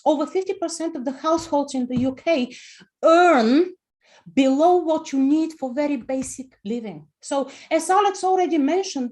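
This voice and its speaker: Joining an online panel discussion by video call, this personal finance writer from Bulgaria, a woman in her fifties with a Bulgarian accent, argues passionately and asks rhetorical questions. She has a high, warm voice.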